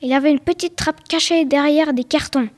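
A woman with a high voice reads a storybook tale aloud. She tells it plainly, at a steady pace, and trips over a word or repeats one now and then. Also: brisk. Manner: plain storytelling read with small stumbles and repeated words.

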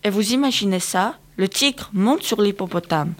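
A woman narrating a children's picture-book audiobook in a lively, engaging way, speaking directly to young listeners. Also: medium pitch, normal speed.

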